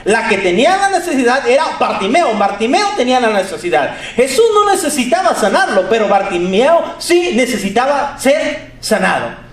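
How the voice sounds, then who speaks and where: A man's voice: extremely high pitch, sing-song, moderate pace, echoey room. A man preaching a sermon, emphatic and repetitive, speaking straight to his listeners. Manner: emphatic, repeats phrases, addresses listeners directly.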